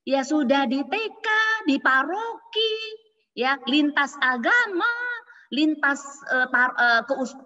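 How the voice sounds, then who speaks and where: Nun from pontianak telling stories, lively and animated, dull muffled audio. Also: female voice, sits high, slow. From Pontianak, Indonesia. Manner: lively, acts out others' voices in her stories. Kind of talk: casual storytelling testimony. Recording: dull audio with long hall reverb.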